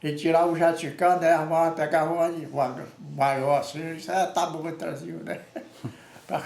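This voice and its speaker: A man's voice: a little high, flat delivery, normal speed, creaky, a little mellow. An older man with an Amazonian Brazilian accent tells stories informally, rambling and repeating words, often tagging phrases with a short question. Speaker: storyteller. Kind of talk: informal oral storytelling. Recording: echoey room.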